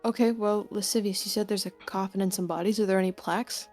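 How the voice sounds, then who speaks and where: Casting: female tabletop player, mid-pitched, brisk and teasing. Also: fairly even intonation, darkish tone, soft background music. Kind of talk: casual tabletop play.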